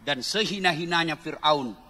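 Speaking at a normal speed in a voice on the high side, this man gives a playful sermon to a crowd. He teases and jokes before becoming earnest, and the hall's long reverb trails his words.

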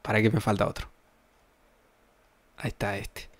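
A man's voice: lowish voice, monotone, moderate pace, dry recording. A young man from Argentina with a Rioplatense accent, reacting to tweets as a streamer in rambling, sarcastic casual chat, swearing often and laughing at his own jokes. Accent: Rioplatense Spanish.

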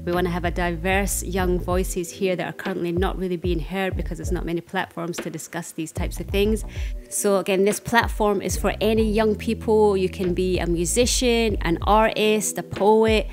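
A woman's voice: lowish voice, steady tone, normal speed, darkish tone, faint music behind. A woman hosting a podcast, introducing her guest in an upbeat way and laughing easily. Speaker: podcast host. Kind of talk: podcast interview. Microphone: headphones with studio mic.

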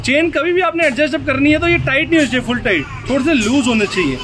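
A man's voice: extremely high pitch, lively intonation, fast talker, over music, low-quality recording. A young man explaining step by step how to set up and start a machine, talking to viewers. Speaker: product demonstrator. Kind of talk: hands-on product demonstration.

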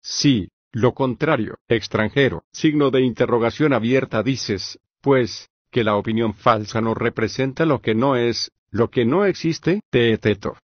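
Male audiobook narrator, flat, even read, dry close sound. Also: medium pitch, dry recording, muffled recording. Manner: even, measured, reads speaker names and punctuation aloud. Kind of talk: reading a philosophical dialogue aloud.

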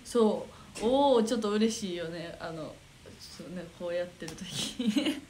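A woman's voice: lowish voice, expressive, a little slow, darkish tone, slight background noise, poor audio. A young woman with a Kansai accent chatting casually on a livestream, reading viewer comments aloud, giggling often and muttering to herself while she searches for the next one. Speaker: idol livestream host.

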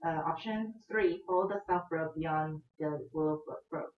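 A woman's voice: low voice, moderate pace. Woman reading game text, echoey room. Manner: stumbles and giggles while reading. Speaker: game reader and player. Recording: echoey room, distant mic, dull sound with faint noise.

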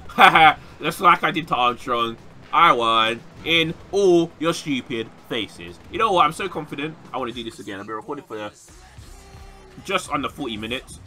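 Bright, excitable young man gaming. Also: mid-range voice, a little hiss or hum. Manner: animated, reacting loudly with frequent laughs and yelps. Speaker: gaming YouTuber. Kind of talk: excited let's-play commentary.

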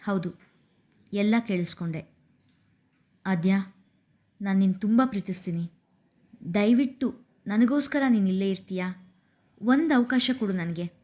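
A woman's voice: mid-range voice, a little slow, long pauses, a little mellow, natural voice. Woman narrator playing a lovesick young man in an audio story, earnest and begging. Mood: pleading.

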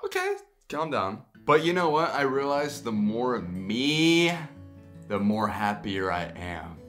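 Animated, tipsy young man, bright voice. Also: mid-range voice, slow pace, soft background music. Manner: boisterous, swearing, excitable. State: tipsy, getting drunker. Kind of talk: casual banter, taste-test vlog. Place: small room, indoors. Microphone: camera a few feet away.

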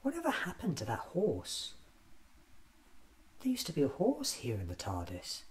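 A man in his thirties playing an eccentric, playful, vain time-travelling doctor in a soft-spoken ASMR roleplay, musing aloud in an unhurried, whimsical way. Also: a little high, huge pitch swings, voice pushed up.

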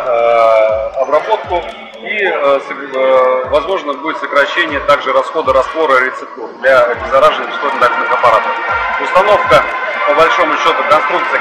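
A man in his thirties gives an unscripted explanation at a busy exhibition stand, pausing on filler sounds and restarting phrases. His voice sits at an ordinary middle pitch, close to the camera. A clear music bed runs underneath him. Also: poor audio. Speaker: exhibitor presenting a device. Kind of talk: off-the-cuff explanation. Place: large indoor expo hall.

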